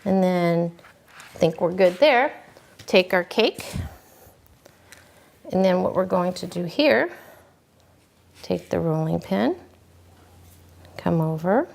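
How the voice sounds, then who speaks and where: A woman cake decorating instructor giving a relaxed, folksy hands-on demonstration, talking as she works. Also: mid-range voice, gravelly. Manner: folksy, relaxed, talks while working.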